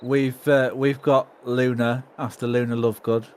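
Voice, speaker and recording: A man chatting casually while gaming, relaxed and hesitant with many fillers. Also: mid-range voice, moderate pace, clean tone, poor audio. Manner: laid-back, hesitant with many ums. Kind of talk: casual chat.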